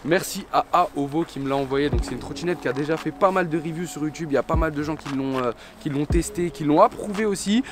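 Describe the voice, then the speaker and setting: A man's voice: a little high, fast talker, few pauses. Guy doing youtube vlog, street slang, talks to viewers like his mates, music playing behind. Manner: informal urban slang, addressing viewers as mates. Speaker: YouTube vlogger presenting a product unboxing. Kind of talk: casual chat to camera in French street slang.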